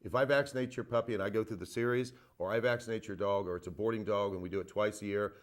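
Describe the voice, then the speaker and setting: A man's voice: lowish voice, fast talker. A man hosting a call-in show as a veterinarian, giving casual advice with lots of fillers and "okay?" check-ins. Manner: folksy, repeats himself, frequent "okay?" and "uh". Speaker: veterinarian radio host taking calls. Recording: phone-in radio.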